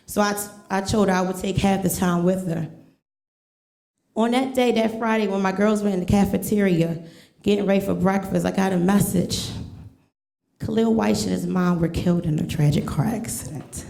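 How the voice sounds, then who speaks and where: A woman's voice: mid-range voice, steady tone, moderate pace, vocal fry, mellow. A woman teacher telling a personal story on stage, earnest and emphatic, leaning on repeated refrains. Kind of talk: live storytelling. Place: museum event hall with audience. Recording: echoey room.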